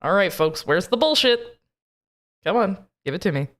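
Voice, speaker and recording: A woman's voice: mid-range voice, animated, normal speed. A tired woman hosting a tabletop game stream in casual chat, blunt and crude, recorded on a poor mic in an echoey empty apartment room. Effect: echoey sound of an empty apartment room. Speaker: host. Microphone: poor home streaming mic.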